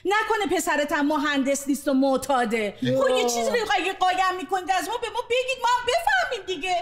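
A prying bride's mother who needles the other family. Her voice sits high. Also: sing-song, heavy background noise. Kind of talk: sitcom acting.

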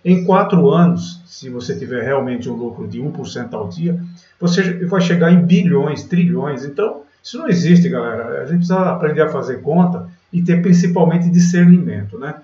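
A man's voice: on the high side, expressive, moderate pace, dark tone, echoey room. Man, from Brazil, trading channel host, chatty screen-share commentary, distant mic, dull sound. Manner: chatty, filler-heavy, keeps saying "galera" and "né".

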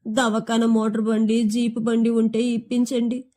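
A woman's voice: fairly high pitch, completely flat delivery, moderate pace, mellow, close to an everyday voice. A woman voicing a poor village father in grief, pleading in a trembling voice.

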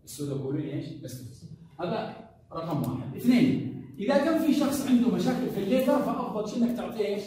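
Male lecturer, mellow, quick delivery, quizzes his class, recorded from afar in a reverberant room. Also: high-pitched, animated. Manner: quizzing students with rhetorical questions; mixes English drug terms into colloquial Arabic. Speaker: pharmacology lecturer. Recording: echoey classroom from a distant mic with faint noise.

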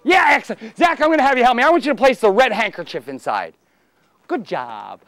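A man's voice: extremely high pitch, very animated, fairly quick, fairly bright tone, no echo, studio quality. A middle-aged man performing as a kids party magician, exuberant and theatrical, talking playfully to young volunteers and often raising his voice. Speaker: children's magician. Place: children's library room, performing before seated kids.

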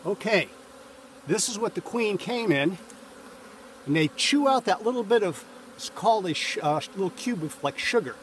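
A man calmly walking through a beehive check step by step, filmed outdoors on a farm from a few feet away. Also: high-pitched, moderate pace, slight background noise. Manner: calm, explains step by step while working. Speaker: hobby beekeeper. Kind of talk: casual how-to narration. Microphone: camera a few feet away, speaker in a bee suit and veil. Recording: distant outdoor camera audio, buzzing bees.

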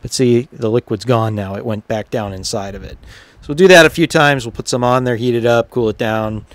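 In his own workshop video, a repairer gives casual hands-on commentary on a repair, informal and unhurried as he thinks out loud. His pitch is average, and the recording is dry with no room sound.

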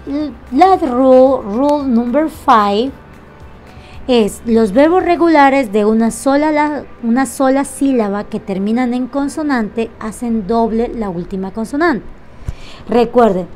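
Slow, patient high-voiced woman teacher. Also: darkish tone. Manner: patient, slow, repeats each example with frequent "ok?" checks. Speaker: English teacher. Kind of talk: explaining grammar rules to students.

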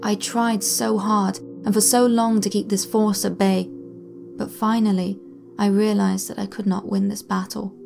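A woman narrating a true paranormal story in a soft, slow, somber way, sometimes sinking to a whisper. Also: mid-range voice, little pitch movement, gravelly, faint music behind. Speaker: channel narrator.

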